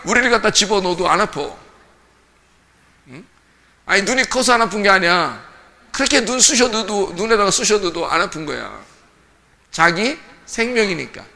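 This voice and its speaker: A male pastor preaching a lively, conversational sermon, acting out voices as he goes. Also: very high voice. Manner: animated, acts out parents' voices, conversational. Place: church sanctuary. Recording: church hall reverb.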